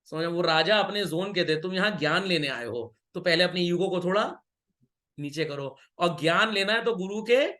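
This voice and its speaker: A man's voice: high-pitched, animated, normal speed, sharp tone. A middle-aged man teaching business studies in an online class, mixing Hindi and English and playfully teasing and checking on his students. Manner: teases and scolds students playfully.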